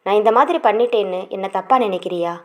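Woman narrator doing a pushy young suitor in an audiobook: teasing, quick, coaxing. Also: medium pitch, lightly acted. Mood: pleading. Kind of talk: audiobook character reading.

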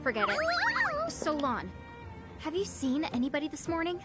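A woman voicing a bossy, impatient young woman who is a big sister in a video game, talking briskly and insistently. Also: high-pitched, expressive, over loud music.

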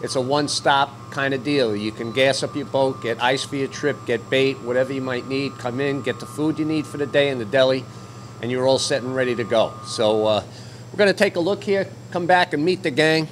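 A man's voice: medium pitch, fairly quick, a little hiss or hum. An older man hosting a fishing report on location, chatting casually with many fillers into a handheld mic. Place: outdoors at docks, then inside a deli.

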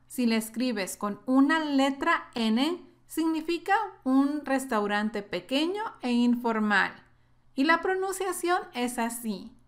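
Slow-spoken woman teaching pronunciation. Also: sits high, a bit bright. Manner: slow, careful drilling of words twice. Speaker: English teacher. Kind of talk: pronunciation lesson.

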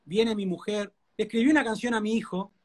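A high-voiced man talking a little fast, with a Rioplatense Spanish accent, shares his testimony live in an interview. He preaches earnestly and warmly, saying the same words repeatedly to stress them.

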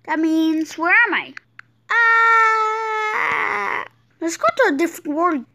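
A woman hosting an excited gameplay commentary, exclaiming often and restarting her sentences as she explores. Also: very high voice, takes it slowly, creaky, no echo, studio quality. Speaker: gameplay channel host.

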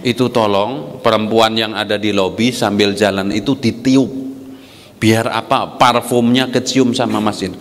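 Brief: sly whispering male devil, acted by a male preacher, low and soft, ringing hall. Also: fairly even intonation, normal speed, close to an everyday voice. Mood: coaxing. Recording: long hall reverb.

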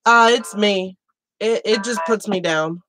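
A woman's voice: medium pitch, measured pace, heavy background noise. A woman with allergies chatting casually and self-mockingly while she plays music on a live stream. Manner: self-deprecating, swears, muttering while playing.

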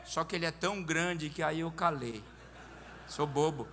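A male pastor tells an animated, comic story from the pulpit, with a bright voice pitched a little high. The sound rolls through a church with a long reverb, and faint instrumental music plays underneath. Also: normal speed, slight background noise. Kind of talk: storytelling sermon.

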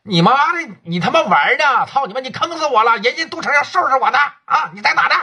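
A man's voice: a little high, very animated, a little fast, husky, exaggerated voice. Man doing furious swearing gang boss. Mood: enraged. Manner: swearing, yelling threats. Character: furious hot-tempered male gang boss.

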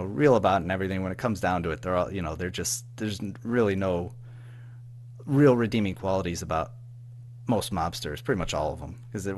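Over slight background noise, a low-sitting male voice belongs to an American interview guest who writes and produces audio drama. He chats casually, hesitating and wandering off on tangents.

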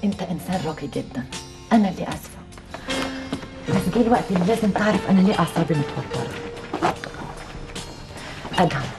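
An actress playing an earnest, emotional wife and stage actress with an Egyptian accent. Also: female voice, fairly low pitch, animated, fast, pauses often, over music. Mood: confessing. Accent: Egyptian Arabic. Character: heartfelt actress wife, confessing to her husband. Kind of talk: TV drama acting.

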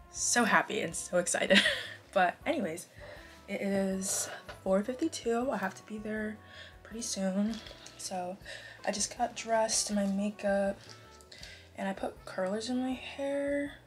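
A young woman with a bubbly sorority-girl manner, chatting casually to her vlog. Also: mid-range voice. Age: young adult. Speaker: vlogger, sorority member. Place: indoors, bedrooms, restrooms and meeting rooms. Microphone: handheld phone or camera nearby.

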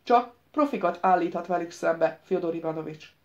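A woman reading an audiobook, voicing a stout, mustached male official who speaks in a calm, lecturing, firm way. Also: on the low side, lo-fi sound, lightly acted. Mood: warning.

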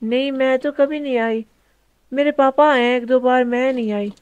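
A man's voice: extremely high pitch, fairly even intonation, clear, resonant tone, dry recording, muffled recording, voice pushed up. A man using a voice changer filter to play a shy, pleading young girl gamer in voice chat. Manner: sweet, pleading, fast-talking. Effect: voice changer filter making a man sound like a girl. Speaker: prankster streamer. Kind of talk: gaming voice chat prank.

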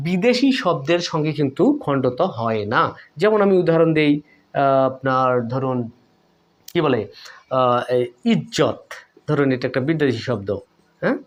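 Patient man teaching spelling in a lesson. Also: fairly high pitch. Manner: explains step by step, asks the viewers questions and answers them himself; calls his viewers friends over and over. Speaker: Bengali language teacher.

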